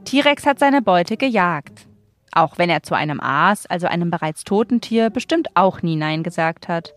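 A woman's voice: lowish voice, expressive, moderate pace. A woman presenting as a children's show host, speaking directly to young listeners with simple scripted explanations and playful exclamations. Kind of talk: kids show hosting, scripted narration and questions.

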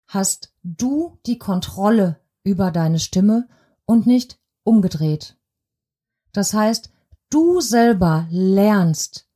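A woman voice coach gives a podcast lesson in a dark, mellow voice. She takes her time, laying out each point deliberately. She speaks straight to the listener as "you". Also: mid-range voice, slightly rough. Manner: measured, deliberate explaining; addresses listener directly.

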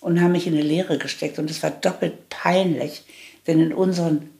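In an interview, an older woman recounts her own life, reflecting on it in a deep voice with a steady, gravelly rasp. She talks candidly at a moderate pace, restarting sentences and then driving her points home with emphasis.

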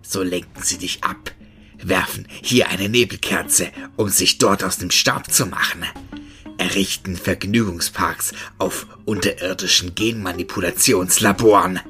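A man's voice: sits low, steady tone, unhurried, pushed and bright, faint music behind, pitched below the performer's own voice. A man voicing a monstrous, paranoid old man who bellows accusations in a distorted voice. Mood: paranoid accusing.

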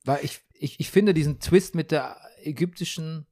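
A man co-hosting a casual podcast chat about TV series, animated, breaking off and restarting, dropping in English phrases. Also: fairly high pitch, moderate pace, dry recording, studio quality. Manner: animated, self-interrupting, mixes in English phrases. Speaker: podcast co-host.

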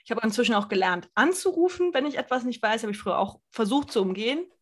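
A young woman in casual podcast chat, talking freely and poking fun at herself. She slips into a high, jittery voice when she retells her own nervous moments. Her tone is conversational and easygoing. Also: expressive, quick pace. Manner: chatty, self-deprecating, acts out her own nervous voice. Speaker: podcast co-host.

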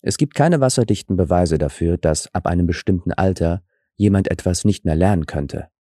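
This man's voice sits low with a dark tone, animated and at a moderate pace, in clean studio sound with no room sound. He is a podcast host who grew up in Germany with Russian as his first language. His scripted solo talk is reflective and explanatory, with self-deprecating asides.

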